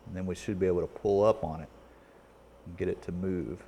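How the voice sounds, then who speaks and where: A middle-aged male repair video host with a deep, mellow voice walks through a casual hands-on repair tutorial step by step at an indoor electronics repair workbench. He's plain-spoken and steady, a little fast, and the workshop recording is clearly noisy.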